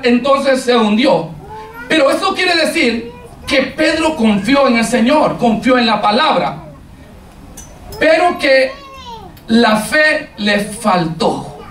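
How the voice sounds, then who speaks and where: High-voiced preacher, slow and echoey. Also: male voice, fairly bright tone, slight background noise. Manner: halting, repeats words while searching; addresses the congregation directly. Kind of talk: sermon. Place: church hall. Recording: echoey room, far from the mic.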